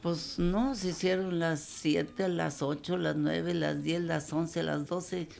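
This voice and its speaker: An elderly woman tells family stories in a relaxed, chatty way. Her voice is low and gravelly. She slips into the voices of the people she quotes. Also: takes it slowly, a little hiss or hum. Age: 80s. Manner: lively storyteller, quotes people in dialogue, chuckles often. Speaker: grandmother telling her life story. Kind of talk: casual storytelling.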